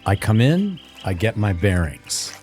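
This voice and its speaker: A man's voice: lowish voice, very animated, a little slow, a little mellow, soft background music. A man streaming a western role-play game, chatting casually and rambling through stories with chuckles. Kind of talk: casual in-character chat while streaming.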